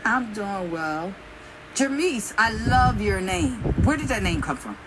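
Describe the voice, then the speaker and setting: A woman hosting a call-in radio show, announcing in a slow, friendly way. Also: medium pitch, sing-song, noisy background. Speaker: radio talk show host.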